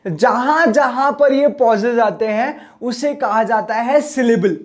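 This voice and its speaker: A male teacher giving a recorded exam-prep lesson. He is friendly, calls his viewers brothers and friends, and drags out example words slowly to show their syllables. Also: extremely high pitch.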